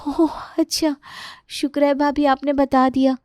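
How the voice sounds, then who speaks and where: A woman's voice: high-pitched, flat delivery, a little slow, darkish tone, no echo, studio quality, voice pushed up. A woman voicing a meek, anxious young bride in a cartoon story, apologetic and pleading.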